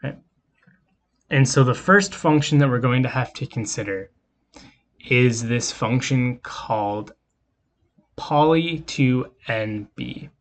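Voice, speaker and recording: A man's voice: mid-range voice, slow pace, pauses often. Man casually teaching coding over keyboard clicks. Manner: casual, explanatory, talks while typing code. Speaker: lecturer. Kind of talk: screen-recorded coding lecture.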